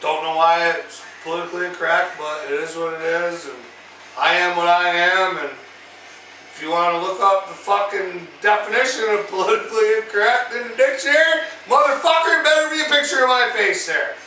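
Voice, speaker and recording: Man, bright high voice, cursing rant, faint background hum. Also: fairly even intonation, normal speed. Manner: profane, loud, laughing rant. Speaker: vlog host. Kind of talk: casual storytelling. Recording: echoey room, distant mic, faint hum.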